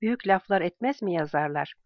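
Brief: reader doing a guarded young woman in an audiobook, soft and restrained, dry muffled take. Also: mid-range voice, expressive, fairly quick, no echo, lightly acted. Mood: quiet, wistful.

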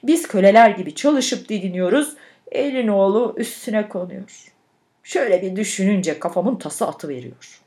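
Gloomy grumbling craftsman, bitter, lively pitch, read by a woman. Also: moderate pace, natural voice. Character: brooding, embittered male craftsman.

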